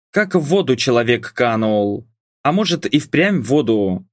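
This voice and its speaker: A man narrating a first-person novel with an expressive reading style. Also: medium pitch, no room sound, studio quality. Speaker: audiobook narrator. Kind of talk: scripted narration.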